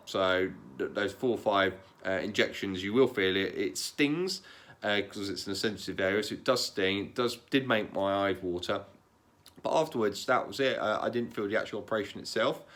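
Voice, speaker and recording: A man talking in a casual, candid vlog, calm and matter-of-fact, often repeating words and restarting sentences. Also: lowish voice. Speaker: vlogger.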